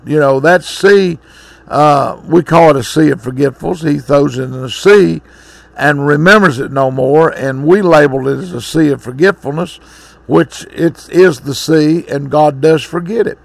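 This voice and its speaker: A man's voice: fairly high pitch, normal speed, vocal fry, dry recording. A man preaching a sermon, reading scripture and then exhorting in a folksy way.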